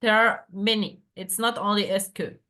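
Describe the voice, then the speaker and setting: A woman tutors a single student over a video call. She explains patiently, pausing often with fillers and restarting her sentences. Her voice sits at an everyday middle pitch. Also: fairly even intonation, sharp tone. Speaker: French tutor. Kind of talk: online one-to-one lesson.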